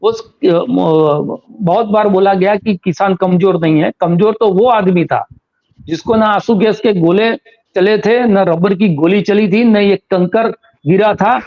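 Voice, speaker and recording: High-voiced argumentative male political analyst. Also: a little slow. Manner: argumentative, fires rhetorical questions. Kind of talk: interview commentary. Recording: slightly dull lo-fi audio.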